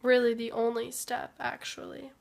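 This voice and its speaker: A woman with a sick, rough voice giving a rambling personal update as a vlogger, hesitant and trailing off between thoughts. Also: on the high side, monotone, moderate pace. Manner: hesitant, trailing off with many fillers.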